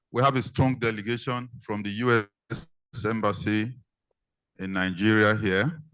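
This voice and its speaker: A man moderating a formal event, making polite, halting announcements as he introduces guests. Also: mid-range voice, a bit bright, smooth, dry recording, poor audio. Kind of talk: formal event hosting, unscripted.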